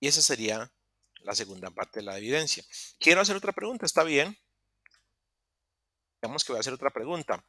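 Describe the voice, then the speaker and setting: A man teaching an English lesson online, explaining step by step with pauses and self-corrections. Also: medium pitch, lively intonation, sharp tone, no room sound, studio quality. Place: online meeting room.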